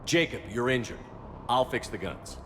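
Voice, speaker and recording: A man's voice: medium pitch, expressive, moderate pace, lightly acted. A man playing a stern, determined military commander in a sci-fi video game, speaking with terse authority. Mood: probing, familiar. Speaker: game protagonist. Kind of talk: cinematic video game dialogue. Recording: echoey hall, loud vehicle noise behind.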